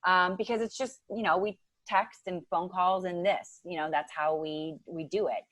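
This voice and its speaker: Here's a chatty Ohio woman in her thirties, a podcast guest discussing nutrition coaching, who leans on "like" as filler and performs quotes. She talks at normal speed in a lowish, steady, slightly bright voice, with no echo in the recording.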